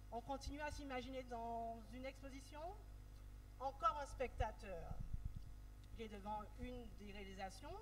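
Higher-voiced woman hosting, long reverb. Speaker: panel moderator. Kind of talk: hosting a live round-table. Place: dark event stage at an art fair. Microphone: handheld microphone. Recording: noisy live venue with long reverb.

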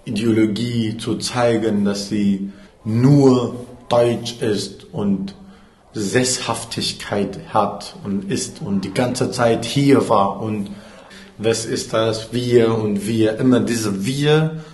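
In an echoey room, a man with a lowish, somewhat mellow voice delivers deadpan lines as an undercover agent passing himself off as a museum worker. His German is halting and Arabic-accented, and his manner is blunt, with swearing.

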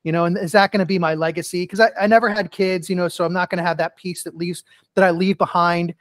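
A middle-aged man speaks as a podcast guest, his voice sitting high for a man. He tells earnest personal stories, peppered with "you know". The sound is dry and close, with little room. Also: steady tone, quick pace, a bit bright, no room sound. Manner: earnest storytelling with many "you know" fillers. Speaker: guest, author and keynote speaker. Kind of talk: casual podcast interview.

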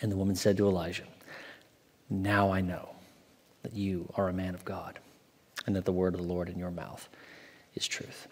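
A man in his forties, an associate pastor, reading scripture aloud in a measured way and then preaching a sermon. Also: deep voice, little pitch movement, a little mellow. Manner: measured, reads aloud slowly from an open Bible. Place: church stage, large indoor hall. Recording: long hall reverb from a church sanctuary.

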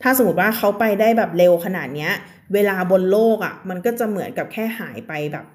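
A woman with a Thai accent teaching English on a live stream from home. She reads English lines slowly, explains them in casual chat, and laughs often. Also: medium pitch. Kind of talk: live-streamed reading lesson.

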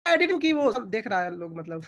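A man's voice: high voice, sing-song, rapid-fire, fairly bright tone. A man with an Indian accent, chatting casually on a video call and switching between two languages. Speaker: meeting participant. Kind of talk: casual chat mixing Hindi and English.

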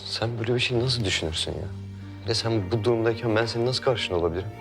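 Deep-voiced young man, fast, calm and pleading, a defense lawyer, TV drama. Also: gravelly, music in the background. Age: 20s. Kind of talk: TV drama acting.

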